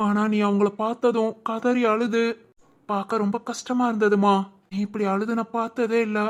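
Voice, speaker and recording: A voice actor playing a caring young husband in a cartoon, who gently teases and coaxes his wife. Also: medium pitch, natural voice. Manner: gently teasing, coaxing. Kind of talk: cartoon voice acting.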